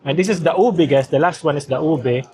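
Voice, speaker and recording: A man's voice: on the high side, fairly quick, darkish tone. A man vlogging at a buffet, chatting to viewers while tasting desserts. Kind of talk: casual food vlog. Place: busy buffet restaurant. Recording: crowded buffet chatter behind.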